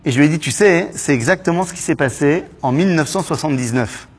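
A man teaching a lively Bible study class, asking quick rhetorical questions and mixing Hebrew terms into his talk. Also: fairly high pitch. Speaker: Torah teacher.

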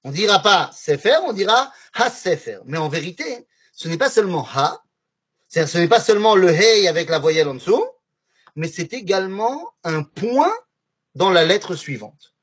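Man, torah teacher, animated class lesson, high voice, husky. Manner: animated, asks the class questions. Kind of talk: lively religious lesson to a class.

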